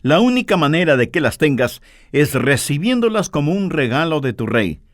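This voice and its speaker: A man voicing a kind king who speaks softly and reassuringly in a sermon story. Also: on the high side, big pitch swings, moderate pace, no room sound, clean studio sound. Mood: gentle. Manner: soft-spoken, reassuring.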